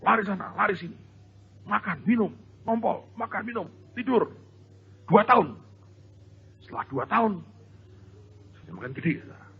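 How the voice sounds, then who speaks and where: A pastor preaching a sermon in an animated, storytelling way, often turning to address the congregation directly. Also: male voice, high voice, moderate pace, creaky, pauses often, breathy edge. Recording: dull lo-fi sermon recording.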